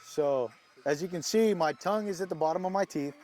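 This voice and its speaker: A man's voice: fairly high pitch, brisk, a little mellow. A man giving a casual, folksy hands-on lesson as a goose calling instructor.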